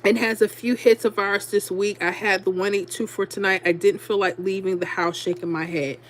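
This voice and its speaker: A woman's voice: mid-range voice, fairly even intonation, normal speed, a little hiss or hum. A middle-aged woman from Louisiana hosting a livestream, chatting casually and laughing as she reads comments. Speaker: livestream host.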